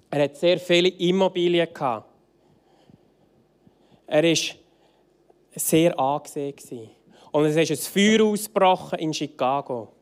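A man leading worship, telling a story as a sermon and moving between emphatic loud phrases and hushed soft ones. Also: on the high side.

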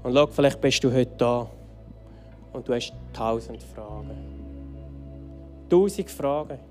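Man preaching with hushed swings, soft music. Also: medium pitch, measured pace. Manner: swings between emphatic loud phrases and hushed soft ones. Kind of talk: sermon storytelling leading into a song.

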